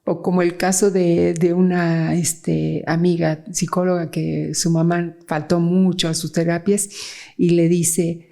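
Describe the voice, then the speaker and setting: A woman's voice: on the low side, flat delivery, measured pace, creaky, dark tone. A woman child psychiatrist, explaining cases in a conversational interview, with fillers and frequent "¿sí?" checks. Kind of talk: explanatory interview talk with anecdotes.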